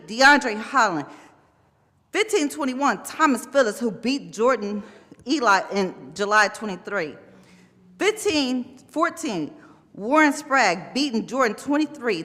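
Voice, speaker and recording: Fiery high-pitched woman in an echoey hall. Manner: confrontational, rising to shouting. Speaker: public commenter. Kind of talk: impassioned public comment. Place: city council chamber. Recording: echoey hall with long reverb.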